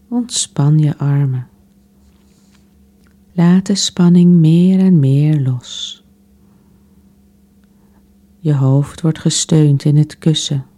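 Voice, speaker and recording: A woman softly guiding a relaxation exercise in a soothing, unhurried way, with long pauses between phrases. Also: low-pitched. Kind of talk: guided relaxation meditation.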